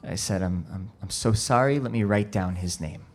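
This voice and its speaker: A man in his thirties giving a sermon as a rabbi, telling a personal story in a slow, reflective way that drops quiet at emotional moments. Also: lowish voice.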